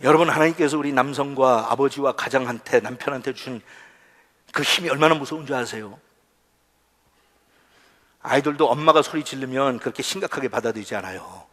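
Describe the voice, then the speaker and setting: A male pastor preaching a sermon in a church, animated and shifting between loud outbursts and soft asides. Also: mid-range voice, brisk, long pauses. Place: church sanctuary. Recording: church hall with long reverb.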